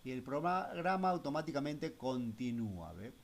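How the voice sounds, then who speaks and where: A man's voice: mid-range voice, very animated, normal speed. A man teaching a class of children, patiently explaining a computer program step by step and asking them questions as he goes. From Spanish-speaking Latin America. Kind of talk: screen-recorded software lesson.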